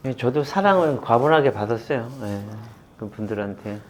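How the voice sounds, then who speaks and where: A man in his fifties, a football coach, talking through memories in an interview with many pauses and fillers. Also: mid-range voice, animated. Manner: halting and reflective, many fillers, laughs while retelling. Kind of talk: candid interview.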